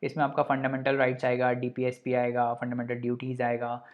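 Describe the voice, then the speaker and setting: A man's voice: mid-range voice, completely flat delivery, fairly quick, narrow, tinny audio. A young man giving a casual lesson in Hindi peppered with English terms, checking in with "theek hai" after each point. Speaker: exam coaching presenter.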